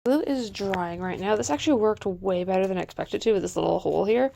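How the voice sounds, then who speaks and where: Rambling woman with a gravelly voice. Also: mid-range voice, fast talker, background noise. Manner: rambling, self-correcting, frequent "like" fillers. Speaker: prop maker. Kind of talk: casual crafting vlog. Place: home workspace, indoors.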